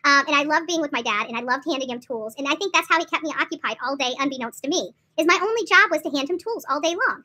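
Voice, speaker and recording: This high-pitched, sharp-toned woman talks fast with hardly a pause, spinning animated casual stories to camera as a vlogger. She's in her forties, in a small indoor room, emphatic and repetitive, frequently ending lines with "okay?" or "right?"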